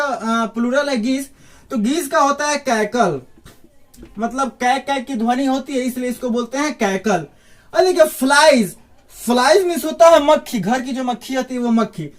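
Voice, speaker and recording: High-voiced man teaching casually. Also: normal speed. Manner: chatty, joking asides, asks the listener questions. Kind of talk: informal spoken lesson.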